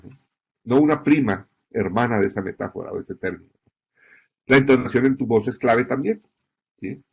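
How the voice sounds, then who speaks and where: A man gives a recorded lecture on storytelling for reporters. His voice is husky and sits at an ordinary pitch. He often pauses to check in with his listeners and leans on key words for emphasis. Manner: didactic, frequent "¿sí?" check-ins, stresses key words. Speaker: journalism instructor.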